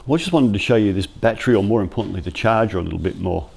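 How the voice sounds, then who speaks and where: Deep mellow-voiced guy rambling thru a jacket review in a cold workshop, bit of hiss behind. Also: racing, gravelly. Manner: chatty, informal, thinks aloud. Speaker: workshop vlogger. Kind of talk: casual product review. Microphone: clip-on lapel mic.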